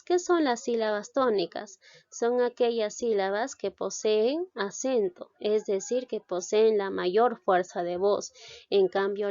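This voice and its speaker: Slow, deliberate woman teaching a grammar lesson. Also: mid-range voice, no room sound, muffled recording. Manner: slow, deliberate, stressing syllables and asking the class questions.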